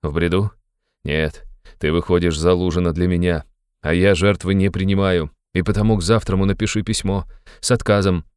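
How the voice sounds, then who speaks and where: A man's voice: deep voice, steady tone, moderate pace, darkish tone, clear, resonant tone, no echo, studio quality, natural voice. A man reading an audiobook, voicing a feverish, exhausted young man who speaks curtly and harshly. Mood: stern, strained. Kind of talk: audiobook character voice.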